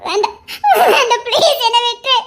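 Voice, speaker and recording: A woman's voice: extremely high pitch, fairly quick, background noise. A woman playing a panicked young wife. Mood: pleading. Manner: pleading, half laughing half sobbing. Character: frightened young wife trying to escape a room. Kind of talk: audio romance drama.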